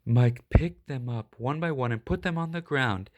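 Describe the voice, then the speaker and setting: Reading a children's picture book aloud, a man with a mid-range voice performs expressively, leaning on key words with deliberate, dramatic emphasis.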